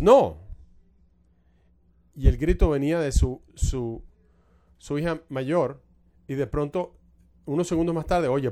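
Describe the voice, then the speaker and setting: A man's voice: mid-range voice, background noise. A male pastor preaching a sermon, telling a church story with frequent restarts and repeated words.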